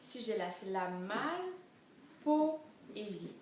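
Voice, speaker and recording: A woman with a Quebec French accent, reading a storybook aloud to toddlers in an animated way and spelling out syllables slowly. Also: mid-range voice. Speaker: children's reading educator. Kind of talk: enriched read-aloud lesson for toddlers. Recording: very echoey room, distant mic, faint noise.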